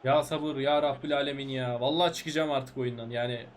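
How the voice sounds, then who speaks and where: A man commentating his own football video game career in casual, frustrated bursts, urging his players on and yelling when chances are missed. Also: brisk. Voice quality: high-pitched, animated. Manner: shouts at players, frustrated, breaks into excited yells. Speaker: gaming YouTuber. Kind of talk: excited live game commentary.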